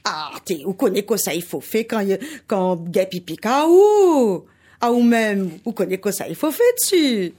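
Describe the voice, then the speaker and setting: A woman's voice: mid-range voice, moderate pace, hardly any pauses, a little mellow. A woman from Réunion with a Réunion Creole French accent, telling a folk tale on the radio with sound effects and laughter. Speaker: storyteller guest.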